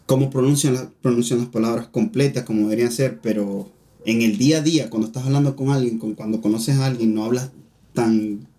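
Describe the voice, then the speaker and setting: A man's voice: mid-range voice, steady tone, fairly quick, warm tone. A man from Venezuela with a Venezuelan Spanish accent, a podcast co-host rambling in casual, self-mocking chat.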